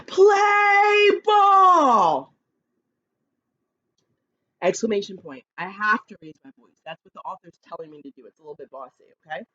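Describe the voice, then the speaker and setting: A woman who teaches kindergarten, reading picture books aloud slowly and expressively, with chatty asides to the children. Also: dull audio. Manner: slow, expressive read-aloud with lively pitch, chatty asides.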